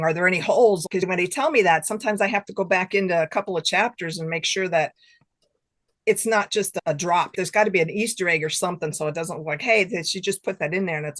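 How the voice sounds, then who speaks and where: A guest author with a low-leaning voice chats casually in an interview, recorded dry. She laughs often as she talks, getting giggly, and animatedly quotes herself while acting out imagined exchanges.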